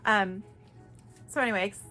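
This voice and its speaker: A woman in her fifties sharing a personal story in a vlog, halting and heartfelt, crying at times. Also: mid-range voice, sharp tone, faint music behind. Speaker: vlogger.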